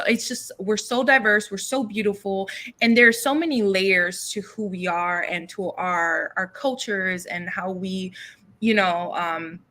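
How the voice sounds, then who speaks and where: Woman poet from New York as guest; bright tone, mid pitch, earnest and searching with restarts. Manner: earnest, thinks aloud with restarts and tag questions. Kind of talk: livestream book conversation.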